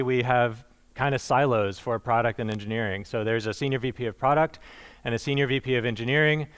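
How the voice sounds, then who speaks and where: A man's voice: mid-range voice, fairly bright tone, clean tone. A man giving a conversational conference presentation, with frequent fillers and restarts and a dry, self-deprecating humor. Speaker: conference speaker.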